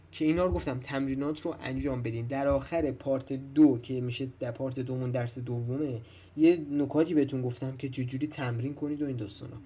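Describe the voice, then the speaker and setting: A man's voice: medium pitch, dark tone. A young man teaching English vocabulary to schoolchildren in a casual, chatty way, speaking straight to the students and repeating points. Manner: chatty, repeats himself, addresses students directly. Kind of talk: casual classroom-style lesson.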